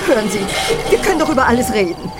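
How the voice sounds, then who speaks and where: An actress playing a haughty, condescending blackmailer in a crime audio play. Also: female voice, on the low side, animated, moderate pace, loud music behind the voice, lightly acted. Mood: panicked. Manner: haughty, mock-civil. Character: smug, condescending female blackmailer.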